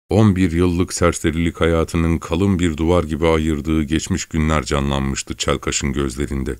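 A man narrating a literary audiobook in a steady, measured storytelling manner. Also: rumbling low, no room sound.

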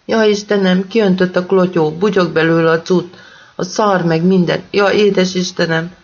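A man's voice: a little high, a little mellow, dull audio. A man reading an audiobook, voicing a terrified teenage girl trapped by a flood, speaking in panicked, breathless pleas. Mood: hysterical.

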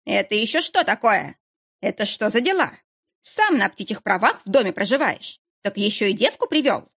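A woman voicing a stocky, rude housing official who shouts and scolds, in an audiobook. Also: mid-range voice, animated, normal speed, gravelly, breathy edge, heavily acted. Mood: scolding.

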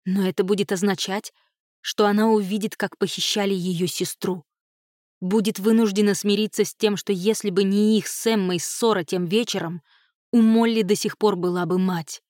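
A woman narrating a novel in a measured, even storytelling voice. Her pitch sits in the middle, and the recording is close and dry. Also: no echo. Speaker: audiobook narrator. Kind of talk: scripted narration.

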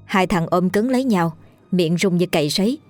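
A woman telling a ghost story in steady, dramatic narration. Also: lowish voice, normal speed, dry recording, faint music behind.

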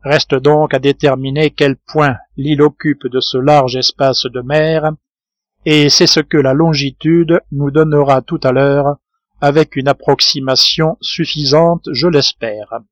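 Brief: male audiobook narrator, slightly high voice, dry close sound, measured delivery. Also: fairly even intonation, no echo. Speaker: audiobook reader. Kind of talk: scripted narration.

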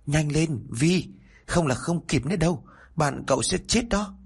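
Guy doing a ghost girl, urgent, higher voice, husky. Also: lively intonation, normal speed, exaggerated voice. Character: ghostly young woman giving warnings.

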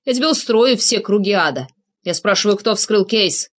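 A woman's voice: medium pitch, animated, moderate pace, natural voice. A woman reading an audiobook, voicing a cruel male crime boss who shrieks and rants in abusive outbursts. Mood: raging.

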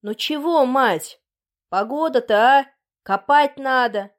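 A woman's voice: high-pitched, slow. A blunt, burly village man of about forty, read by a woman narrator. He talks in an offhand way, with short and plain lines.

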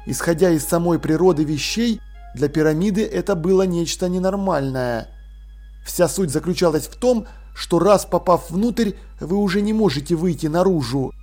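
A man narrating an audiobook in a measured, expressive reading voice. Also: sits high, faint music behind. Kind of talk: scripted literary narration.

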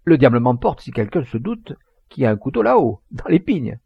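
A man's voice: big pitch swings, a little fast, vocal fry, slightly rough, no echo, highs cut off, heavily acted. A man voicing a hearty fatherly poacher. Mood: jovial. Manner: booming, hearty, sententious. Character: jovial hearty middle-aged male poacher, fatherly.

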